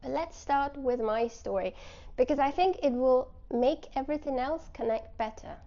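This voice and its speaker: High-pitched non-native woman with British accent. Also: normal speed, mellow, muffled recording. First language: not English. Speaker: English accent teacher presenting to learners. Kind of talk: direct-to-audience lesson with personal story.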